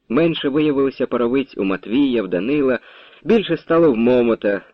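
Lively male audiobook narrator. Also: medium pitch, dry recording, highs cut off. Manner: lively, storytelling, varied intonation. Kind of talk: expressive literary narration.

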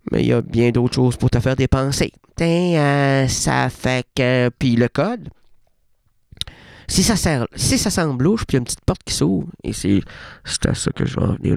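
A man's voice: mid-range voice, creaky, darkish tone, no room sound, clean studio sound. A man with a Québécois accent, a radio host, delivering a surreal comic monologue in a playful, rambling way full of wordplay and restarts. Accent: Québécois French. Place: radio studio.

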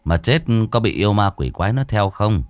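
A man voicing a young male shaman who speaks in an unhurried, firm and coaxing way. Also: lowish voice, big pitch swings, no room sound. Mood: calm firm. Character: calm young male shaman, commanding but kind. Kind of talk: storytelling.

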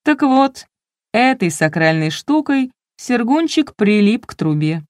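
A woman's voice: on the high side, sing-song, measured pace, no echo, clean studio sound. Wry woman reading an audiobook. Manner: wry, ironic storytelling. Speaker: audiobook narrator. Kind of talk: first-person audiobook reading.

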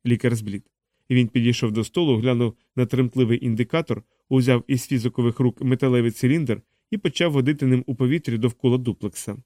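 Mellow-voiced man reading an audiobook. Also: mid-range voice, dry recording, clean studio sound. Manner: measured, steady reading. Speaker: audiobook narrator. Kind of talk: scripted audiobook narration.

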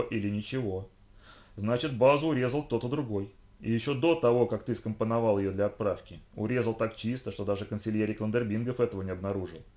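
Male narrator as icy young woman interrogator, commanding, low pitched. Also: darkish tone, lightly acted. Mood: cold reasoning.

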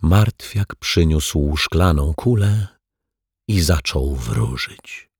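A man's voice: very deep voice, expressive, slightly rough, no room sound, clean studio sound, exaggerated voice. A man voicing a prim, touchy middle-aged female teacher who talks defensively and earnestly in an audiobook. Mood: hesitant. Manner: defensive, earnest, dramatic pauses. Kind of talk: audiobook character voice.

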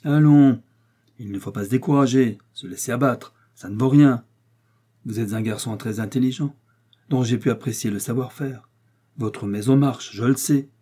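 A man voices a shrewd, blunt, confident old village mayor from Normandy, sounding like an audiobook reading. His tone is dark and husky, mid-range and close to an everyday voice, at a moderate pace. Sternly, he lectures gruffly as he lays down the law.

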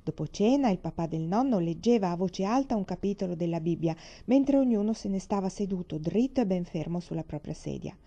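Dark-voiced woman reading a storybook. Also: on the low side. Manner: calm, measured reading. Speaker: reader. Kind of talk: storybook narration. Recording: dull lo-fi recording.

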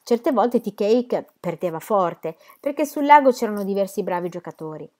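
A woman reading a novel aloud in an even, measured literary style. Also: medium pitch. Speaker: reader.

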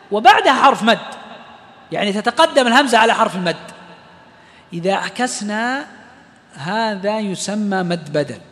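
High-voiced man teaching in a hall. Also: sharp tone. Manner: explains step by step, quizzes students. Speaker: Quran recitation teacher. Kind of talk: classroom lesson on tajweed.

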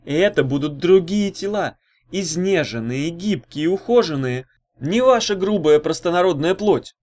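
A man voicing a slick, wheedling male swindler who works a crowd, with a loud, rising, theatrical delivery. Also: fairly high pitch, lively intonation, moderate pace, pitched above the performer's own voice, lightly acted. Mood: enticing.

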